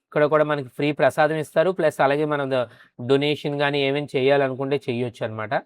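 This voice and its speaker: Male travel vlogger, smooth tone, dry close sound, polite guide manner. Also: on the high side, steady tone, fast talker, no echo. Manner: polite, adds a respectful "andi" often while showing the site. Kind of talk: narration and casual guided tour.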